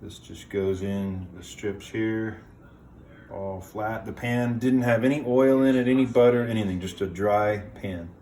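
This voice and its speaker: A man hosting a casual cooking video in a home kitchen, talking step by step in a relaxed, plain way with many "uh"s and "um"s. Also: lowish voice, measured pace, slight background noise. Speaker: home cooking show host.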